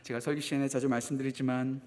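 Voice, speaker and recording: A middle-aged Korean man preaching a sermon. He talks fast, repeats phrases for emphasis, and moves between loud exhortation and hushed asides. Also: mid-range voice, level tone. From South Korea. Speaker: associate pastor. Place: church sanctuary. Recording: long hall reverb of a church.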